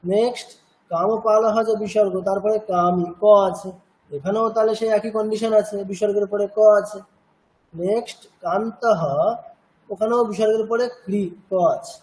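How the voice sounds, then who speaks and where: The poor audio carries his high, steady, somewhat mellow voice through a cultural centre classroom where he teaches Sanskrit chanting. Patiently he sets out pronunciation rules, asks repeated questions to check understanding, and slowly chants syllables as demonstrations.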